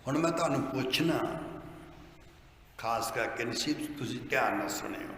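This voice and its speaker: A man with a Punjabi accent preaching a sermon as pastor, urging the congregation to answer out loud. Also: medium pitch, animated, moderate pace. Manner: preaching, urging the congregation to call back loudly. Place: church hall. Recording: echoey hall with faint room noise.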